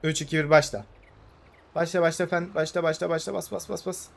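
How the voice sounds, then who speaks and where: A young man giving casual, excitable commentary over a farming game, urging the vehicle on with quick repeated words. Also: on the high side, gravelly. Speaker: gaming YouTuber. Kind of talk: casual let's-play commentary.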